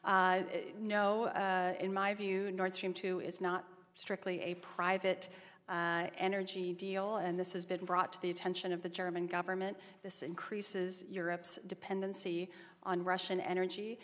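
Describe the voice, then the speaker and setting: A woman giving formal testimony as an expert witness, measured and deferential, stressing her key points. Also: fairly low pitch, level tone. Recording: reverberant hearing hall.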